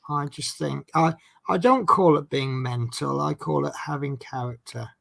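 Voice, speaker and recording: Man, Norfolk accent, gravelly creak, casual chat, jokey, rambling, self-deprecating. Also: on the high side, normal speed, fairly bright tone. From Norfolk, England.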